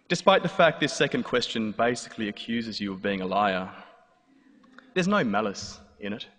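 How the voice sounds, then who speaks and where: With big pitch swings at a moderate pace, this Australian man in his thirties has a fairly bright voice on the low side. He tells a comic personal story in a dry, wry style before a live audience in a large hall. The recording has long reverb and faint noise.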